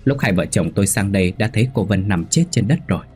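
A man's voice: on the low side, expressive, fast, a little mellow, slightly rough, soft background music. A man doing a stammering elderly neighbor. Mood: puzzled.

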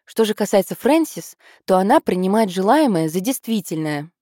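A woman's voice: mid-range voice, sing-song, normal speed, dark tone, no echo, clean studio sound. A woman voicing a sly, teasing younger sister in an audiobook.

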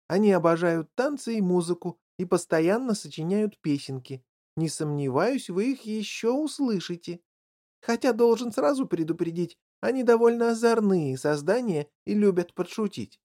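An eccentric, excitable chocolate maker, as a man reading a storybook puts him on speaks in an animated, exclamatory way. His pitch bounces about over a dark, mellow voice. He sounds keen and theatrical in a children's audiobook.

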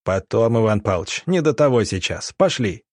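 A man voicing a gruff, blunt male train commandant in an audiobook, with a hoarse, barking way of talking. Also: on the low side, big pitch swings, normal speed, darkish tone, no room sound, clean studio sound. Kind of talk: audiobook character voice.

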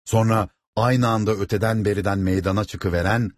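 A man reading a novel aloud as narrator, with steady, dramatic storytelling. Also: lowish voice, moderate pace, no echo, clean studio sound.

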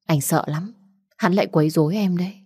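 A woman voicing a caring young man who gently coaxes and protects his grieving girlfriend. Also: on the low side, fairly quick, breathy edge, no room sound, clean studio sound. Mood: coaxing. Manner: coaxing, protective.

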